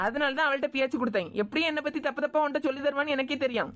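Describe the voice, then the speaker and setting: A woman plays a scheming young man in a cartoon, with a Kanyakumari Tamil accent. He talks fast and sits a little high. He is pushy and quick to turn menacing. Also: fairly bright tone, muffled recording, slight background noise. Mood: defensive. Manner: pleading then menacing. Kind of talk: cartoon web series voicing.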